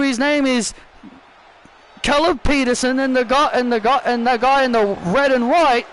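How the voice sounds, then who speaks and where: A man's voice: very high voice, a bit bright, a little hiss or hum, rough recording. A man giving casual, rambling play-by-play commentary on a wrestling video game, with stammered asides.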